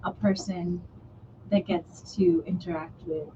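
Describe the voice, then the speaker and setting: A woman's voice: fairly low pitch, steady tone, a little slow. A woman hosting a radio show, chatting in an effusive way with her guest. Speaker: radio host. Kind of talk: casual radio interview. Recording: dull broadcast audio with faint noise.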